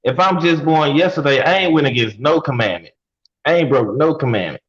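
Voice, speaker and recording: A man's voice: fairly high pitch, expressive, fairly quick, muffled recording. A young man in a casual podcast debate, talking bluntly in slangy street talk and pressing with questions. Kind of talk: casual debate over mics.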